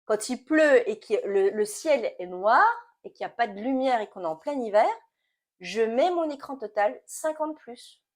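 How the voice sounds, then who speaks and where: A woman's voice: fairly high pitch, normal speed. Chatty bubbly woman in her late forties. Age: late 40s. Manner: chatty and animated, with stop-start repeats. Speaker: beauty vlogger. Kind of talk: casual chat to camera.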